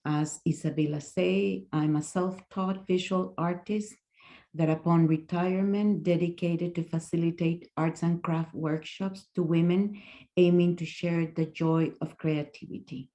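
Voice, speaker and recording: Low, gravelly Chilean woman in her sixties. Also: steady tone, measured pace, dark tone. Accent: Chilean Spanish. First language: Spanish. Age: 60s. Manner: hesitant, with fillers and restarts. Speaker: guest speaker. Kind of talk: presentation talk.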